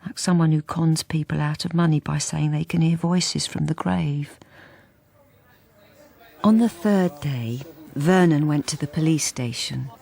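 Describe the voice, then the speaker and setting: A lonely, invisible middle-aged wife narrates her own radio drama in a low, creaky, dark voice that sometimes drops to a breathy near-whisper. She confides hesitantly at a measured pace, wistful and understated yet heavily acted, with a mood of wistful wonder.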